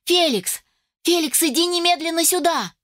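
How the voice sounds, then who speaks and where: A woman voicing an excitable, loving middle-aged mother in an audiobook, full of exclamations. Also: low voice, a little slow, breathy edge, dry recording, studio quality. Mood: excited. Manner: exclaiming, emotional. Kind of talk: audiobook character voice.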